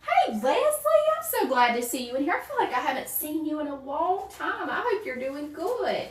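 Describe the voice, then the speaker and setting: A Southern-accented woman in her forties from a small Virginia town hosts a wreath-making livestream, greeting viewers by name and chatting casually as she crafts. Her high voice is sing-song and comes at normal speed, sounding reverberant and far from the mic.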